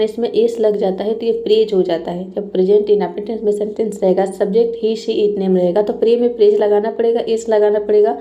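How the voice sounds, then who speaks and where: A woman's voice: mid-range voice, mellow. A woman teaching a vocabulary lesson, spelling words out letter by letter and checking in often with "okay". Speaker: English teacher.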